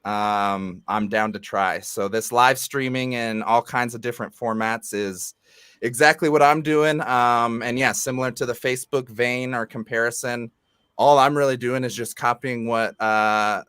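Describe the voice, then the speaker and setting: A man talking as a guest in a casual interview over a video call, relaxed and rambling with fillers and restarts. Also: medium pitch, moderate pace, smooth, dry recording. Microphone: remote video call.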